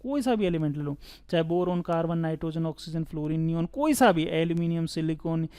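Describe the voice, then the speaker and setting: A man's voice: on the high side, expressive, fairly quick, mellow, clean tone. A man teaching chemistry at a board in a casual, chatty way, asking the class questions and answering them himself. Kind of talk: board lesson.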